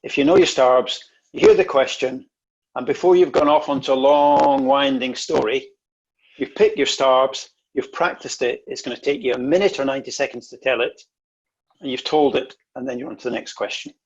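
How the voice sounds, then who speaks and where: A husky-voiced man leads an online workshop, coaching listeners emphatically and doubling back on his words. His voice comes through muffled, lo-fi video call audio. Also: mid-range voice, steady tone, moderate pace. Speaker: workshop presenter.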